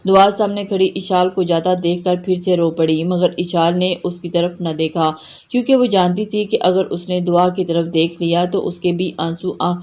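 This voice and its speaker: Woman narrating an Urdu novel, dark voice. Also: on the low side, fairly even intonation. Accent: Pakistani Urdu. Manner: voices all the characters herself with light shifts. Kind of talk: reading a romantic novel aloud.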